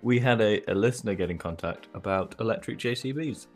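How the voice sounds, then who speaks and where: Low-voiced man, joking co-host. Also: brisk, faint music behind. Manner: rambling, joking, many restarts and fillers. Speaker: podcast co-host. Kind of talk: casual chat.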